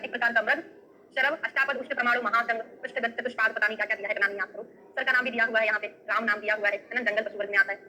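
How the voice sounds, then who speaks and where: Brief: woman lecturer, bright, fairly high voice, checks in with the class, uses memory tricks. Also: slight background noise, rough recording. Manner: asks students questions and checks with "है ना?"; memory tricks and everyday examples. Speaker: Ayurveda teacher. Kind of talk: online exam-prep lecture.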